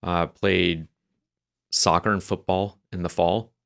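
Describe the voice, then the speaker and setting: Slow and gravelly, his low voice barely moves in pitch yet carries a fairly bright tone. The young Navy veteran from New Hampshire recounts his life as a podcast guest, wandering through it with frequent restarts and fillers in a casual interview.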